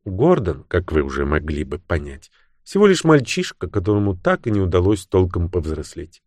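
A man reading the part of a cool, sharp-tongued young woman in an audiobook, raising his voice for her cutting, mocking lines. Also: low voice, big pitch swings, moderate pace, no echo, clean studio sound.

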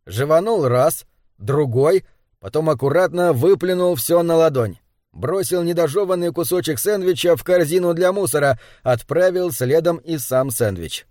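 A man narrating an audiobook in an even, steady storytelling manner. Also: a little high, normal speed, dry recording, clean studio sound. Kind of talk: scripted narration.

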